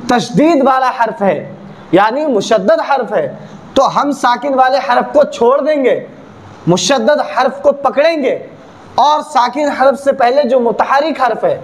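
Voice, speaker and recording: A man teaching the rules of Quran reading in a video lesson. He asks questions and answers them himself, repeats key points, and slows down to spell out the letter sounds. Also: extremely high pitch.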